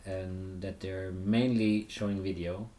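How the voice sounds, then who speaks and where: A man hosting his own podcast in casual chat, halting and joking as he talks. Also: low voice, level tone, warm tone. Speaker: podcast host.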